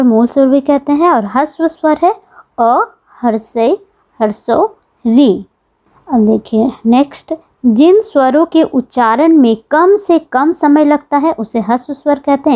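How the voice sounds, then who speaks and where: A woman's voice: high voice, darkish tone. A woman teaching an exam-prep grammar lesson, patiently repeating key points and asking the class questions.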